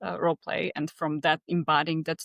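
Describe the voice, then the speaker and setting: A woman reflecting casually in a debrief as a coach, phrasing her thoughts haltingly in short pieces. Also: low voice, little pitch movement, vocal fry, no echo, clean studio sound.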